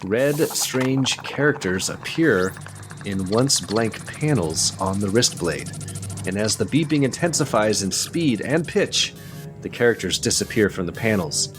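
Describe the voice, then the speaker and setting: Podcast guy, swoopy animated voice, laughs a lot, casual chat. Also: lowish voice, a little slow, music in the background. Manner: lively, laughing, reads listener submissions. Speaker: podcast co-host. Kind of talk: casual chat and scene narration.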